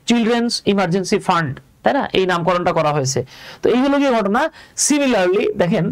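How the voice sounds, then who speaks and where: A man's voice: high-pitched, no room sound. A Bangladeshi man teaching English in a live online class, explaining step by step and asking his students questions.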